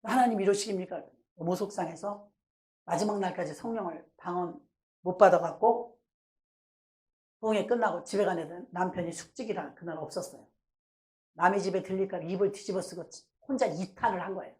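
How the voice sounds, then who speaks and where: A middle-aged woman pastor giving a sermon testimony, telling her story with lively acted-out prayers. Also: fairly low pitch, brisk. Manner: animated storytelling, acting out her own past prayers.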